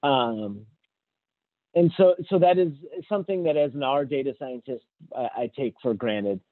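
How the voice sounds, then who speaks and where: A man's voice: medium pitch, moderate pace. A man giving a casual technical talk with slides, rambling with many fillers and restarts. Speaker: conference speaker. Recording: tinny phone-like audio.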